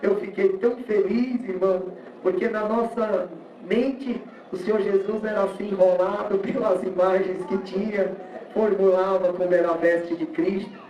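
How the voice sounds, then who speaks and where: A man's voice: high-pitched, fairly even intonation, moderate pace, slight background noise. A man with a Brazilian Portuguese accent giving an emotional church testimony, acting out the voices in his story. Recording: echoey, distant, lo-fi room recording.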